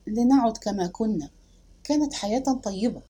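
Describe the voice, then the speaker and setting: A woman voicing a gentle, hesitant young wife who speaks softly and quietly. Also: a little high, lively intonation, moderate pace, breathy edge. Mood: tender. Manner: soft, hushed delivery.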